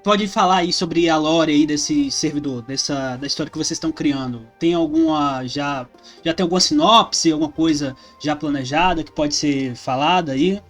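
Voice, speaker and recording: A man hosts an interview, asking casual questions in a fairly high voice. Faint music plays behind him. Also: moderate pace, a bit bright. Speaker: host.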